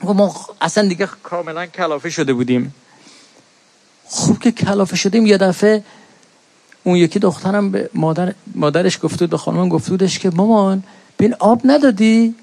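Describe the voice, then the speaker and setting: A creaky, darkish high voice belongs to a middle-aged man preaching in mourning. He begins by simply telling a story, then breaks into an intense, grieving chant of verses. The sound is close and dry, without any echo.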